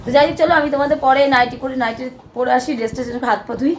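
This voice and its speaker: A young woman with a hoarse voice, chatting to her viewers in a rambling vlog. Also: sits high, very fast, a little hiss or hum. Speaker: vlogger. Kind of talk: casual vlog narration to camera.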